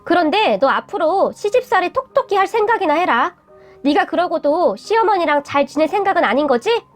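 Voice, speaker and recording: A woman's voice: very high-pitched, sing-song, brisk, soft background music. A woman voicing a blunt, defensive young adult boyfriend who talks curtly and dismissively. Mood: annoyed. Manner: curt, irritable, dismissive.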